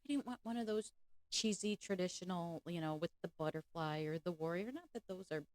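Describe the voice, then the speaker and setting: A woman from Chicago talks in an open, chatty way and laughs easily. Her voice sits very low for a woman. The sound is dry and close, with no room echo. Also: brisk, darkish tone. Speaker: guest, convention organizer. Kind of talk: casual podcast chat.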